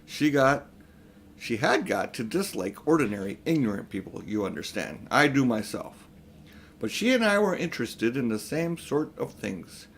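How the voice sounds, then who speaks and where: A man's voice: medium pitch, very animated, normal speed, a bit bright, slight background noise. A man voicing a pompous, scheming old uncle, a self-important magician with a grandiose, condescending way of talking. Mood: confiding. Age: older.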